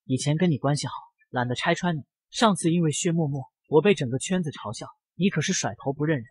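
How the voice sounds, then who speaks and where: A man's voice: fairly high pitch, quick pace, slightly rough, dry recording. A man voicing a jealous young socialite who gloats over her former friend, in a comic recap. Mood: gloating. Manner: gloating, catty.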